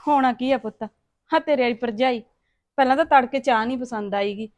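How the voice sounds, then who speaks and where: An actress playing a forgiving middle-aged mother who calms her son, with a Punjabi accent. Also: on the high side, brisk, no echo, natural voice. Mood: complaining. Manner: soothing, calming. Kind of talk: short-film acting.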